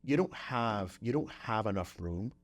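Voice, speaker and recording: Speaking unhurriedly, with lively intonation and a fairly low pitch, a man hosts a motivational podcast in a conversational way. He often repeats phrases for emphasis and regularly checks in with his listener.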